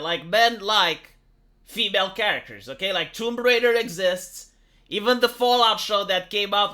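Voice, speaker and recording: This YouTube streamer and commentator speaks with a Romanian accent in a high, bright, strained voice. His casual, opinionated take drips with sarcasm and exasperation, peppered with rhetorical tag questions.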